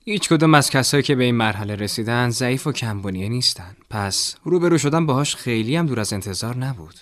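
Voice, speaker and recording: A man voicing a calm young male student fighter in an audiobook, speaking in a dry, matter-of-fact way. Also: mid-range voice, natural voice. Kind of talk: audiobook character voice.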